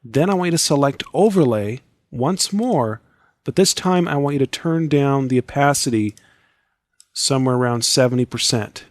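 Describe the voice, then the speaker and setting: In this screen-recorded tutorial, a male instructor explains editing software step by step, keeping things easygoing and conversational. His mid-range voice moves at a normal speed but sounds rough and tired, like he's losing it. It's captured up close, dry, with no trace of the room.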